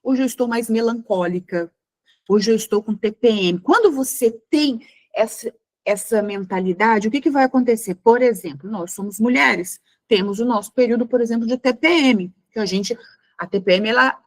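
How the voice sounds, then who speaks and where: Middle-aged Brazilian woman, earnest mentor, high-ish voice, dry close recording, plays out quotes. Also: lively intonation, moderate pace, no room sound. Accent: Brazilian Portuguese. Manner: earnest, acts out little scenes with quoted voices. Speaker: mentor speaking to a women's community. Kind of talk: motivational talk.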